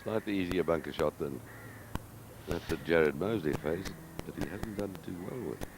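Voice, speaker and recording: A man giving live golf commentary in a measured, conversational, analytical way, with a gravelly voice. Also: deep voice. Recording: very noisy outdoor broadcast sound.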